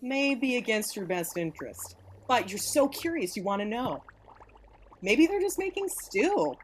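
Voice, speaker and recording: A woman's voice: fairly high pitch, big pitch swings, measured pace, a little hiss or hum. A woman acting teacher leading a class through a spooky imagined walk in second person, playful and encouraging. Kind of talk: guided imagination exercise.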